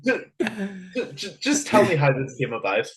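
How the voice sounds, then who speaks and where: A man's voice: high voice, very animated, unhurried, a loud crowd. A man co-hosting an interview podcast, chatting casually and playfully with his guest. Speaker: podcast co-host. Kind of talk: casual chat.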